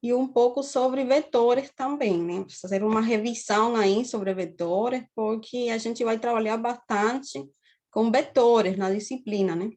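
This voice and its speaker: Over a video call, a Cuban woman in her thirties delivers a university lecture in a Cuban Spanish accent. Her voice is on the high side and a little mellow, at a measured pace. She explains steadily, regularly checks in with students, and often adds "né?" to her phrases.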